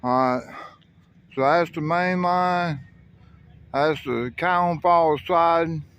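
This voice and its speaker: A man's voice: a little high, slow, fairly bright tone, clear, resonant tone, dull audio. Folksy man filming trackside. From South Carolina. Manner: folksy, rambling, self-correcting. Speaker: railfan vlogger. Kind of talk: casual outdoor narration. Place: outdoors by a rural highway and railroad.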